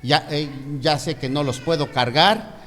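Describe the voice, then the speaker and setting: Pastor with a raised voice, echoing hall. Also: male voice, fairly high pitch, measured pace, a bit bright, slight background noise. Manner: conversational, full of tag questions and restarts. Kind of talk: sermon.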